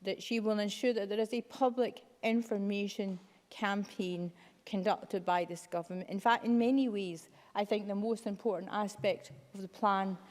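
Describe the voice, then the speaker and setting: A woman's voice: medium pitch, fairly even intonation, normal speed, darkish tone. Woman giving a formal parliamentary speech. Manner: formal, emphatic. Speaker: member of parliament. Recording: long reverb of a debating chamber.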